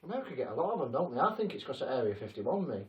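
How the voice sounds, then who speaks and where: A man's voice: medium pitch, very animated, very fast, darkish tone. A British man co-hosting a casual livestream chat, full of teasing banter. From Britain. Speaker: paranormal group co-host. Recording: roomy, distant sound.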